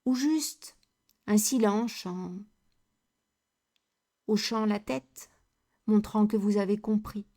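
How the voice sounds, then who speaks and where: A woman coach giving a slow, deliberate educational talk on handling conflict, with many rhetorical questions. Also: medium pitch, warm tone.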